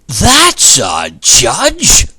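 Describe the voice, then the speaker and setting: A man shouting as Zeus, booming king of the gods. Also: very slow, breathy edge, no echo, full character voice. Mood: exultant. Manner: loud, excited barking orders.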